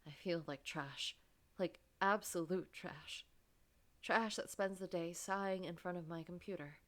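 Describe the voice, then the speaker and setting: A woman voices an anxious, guilt-ridden office worker narrating a story game, speaking in a dramatic, wounded, halting way. Her voice is on the low side with a fairly bright tone, and the mood is miserable.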